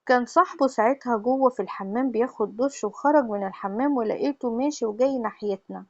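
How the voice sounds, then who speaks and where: A woman with an Egyptian accent telling a first-person confessional story in a steady, plain way. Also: a little high, fast talker, no echo, lo-fi sound. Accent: Egyptian Arabic.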